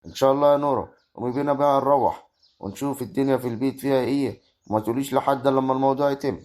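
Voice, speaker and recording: A man's voice: mid-range voice, racing, darkish tone, lightly acted. A man with an Egyptian accent acting a young village husband caught between his wife and his mother in an amateur family drama. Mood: musing. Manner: exasperated, arguing.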